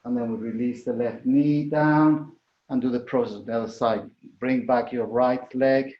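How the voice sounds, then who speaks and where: A man's voice: mid-range voice, steady tone, normal speed. Echoey, muffled man leading a yoga class. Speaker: yoga instructor. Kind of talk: guided yoga class instruction. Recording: echoey room, dull muffled sound.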